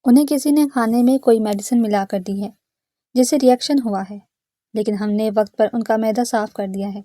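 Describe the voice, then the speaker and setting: Calm doctor, read by a woman, reassuring and matter-of-fact, mellow. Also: on the high side, dry recording, clean studio sound, natural voice.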